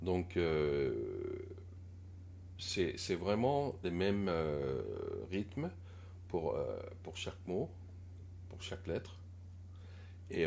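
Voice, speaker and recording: A man coaching pronunciation in a casual lesson, his voice sitting very low. He talks slowly and hesitantly, with frequent filler pauses and gently worded corrections. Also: slight background noise.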